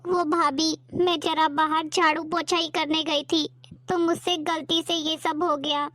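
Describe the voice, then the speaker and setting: A woman playing a meek, fearful young sister-in-law who answers softly and pleads. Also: high-pitched, little pitch movement, a little slow, slight background noise. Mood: pleading. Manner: timid, pleading, hesitant. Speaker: performer in a family skit. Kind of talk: amateur family drama acting.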